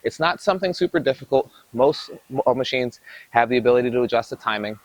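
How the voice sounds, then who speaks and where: A man coaching tennis, explaining drills in an energetic, explanatory way while demonstrating on the court. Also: mid-range voice, quick pace, no echo, low-quality recording. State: a little out of breath. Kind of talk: instructional coaching talk.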